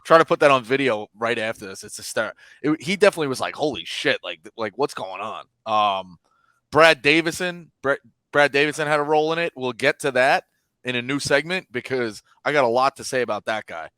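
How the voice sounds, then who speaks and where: A man's voice: mid-range voice, brisk, clean tone, dry recording. A man co-hosting a casual sports podcast, telling stories animatedly and mimicking people as he goes. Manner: animated storyteller, mimics people mid-story. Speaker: podcast co-host.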